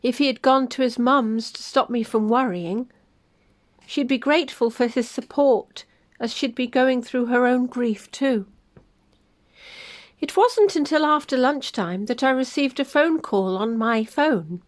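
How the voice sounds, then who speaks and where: A woman reads her own first-person love story aloud. She tells it gently and expressively, in a somewhat high voice. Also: measured pace.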